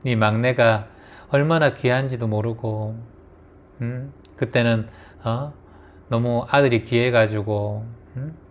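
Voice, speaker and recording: A man voicing an aging mother with a Gyeongsang accent who gently apologizes to her daughter in a hushed, tender way. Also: mid-range voice, fairly even intonation, slow, lightly acted. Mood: remorseful. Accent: Gyeongsang Korean.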